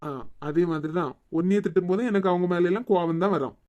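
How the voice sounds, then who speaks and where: A woman voicing a patient, teasing young husband in a cartoon web series, with a Kanyakumari Tamil accent and a fast, coaxing way of talking. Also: on the low side, darkish tone, dull audio, close to an everyday voice.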